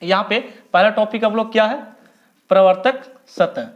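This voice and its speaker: High-voiced man teaching physics. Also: dull audio. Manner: asks the class a question, then answers it himself; repeats key terms slowly, syllable by syllable. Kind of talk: blackboard lecture.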